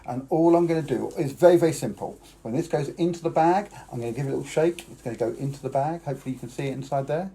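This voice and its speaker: A man's voice: medium pitch, fast talker, hardly any pauses, mellow, low-quality recording. A British man performing as a children's party magician on a live stream, talking boys and girls through tricks and coaxing them to join in. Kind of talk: live-streamed kids' magic show patter.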